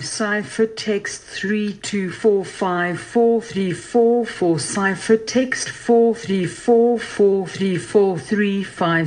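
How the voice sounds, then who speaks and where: Woman playing a cryptic code reader, flat mechanical reading, very slow. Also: medium pitch. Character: mysterious woman reading out coded numbers.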